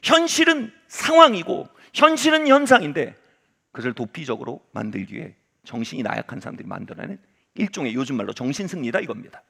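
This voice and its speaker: Middle-aged male pastor, fairly high and very lively voice, dramatic sermon storytelling that jumps between loud peaks and quiet asides. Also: quick pace, vocal fry, husky. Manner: dramatic, swings between loud exclamations and hushed low asides.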